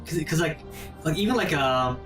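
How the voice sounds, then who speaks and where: During a relaxed let's play session, this gaming commentator explains things in a chatty way, his fairly high voice expressive at a moderate pace. Game music plays behind him and the mic sounds distant.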